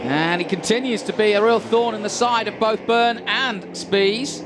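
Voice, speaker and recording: Guy doing motorsport commentator play-by-play, pretty high voice, dramatic phrasing, really loud engine noise behind him. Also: moderate pace. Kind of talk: live motorsport race commentary. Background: motor race vehicles.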